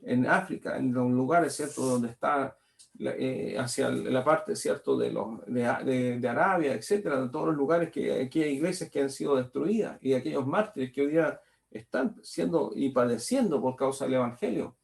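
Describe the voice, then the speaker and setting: A man's voice: mid-range voice, normal speed, vocal fry. A male pastor preaching a sermon, reading scripture aloud and then expounding on it, repeating phrases and tagging lines with "¿cierto?".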